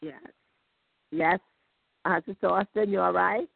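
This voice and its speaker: A man with a cold and a squeaky voice, leading a Bible study over a group call in a friendly way. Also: steady tone, a little slow, creaky, no room sound. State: has a cold. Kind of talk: casual chat on a group call. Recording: tinny phone line.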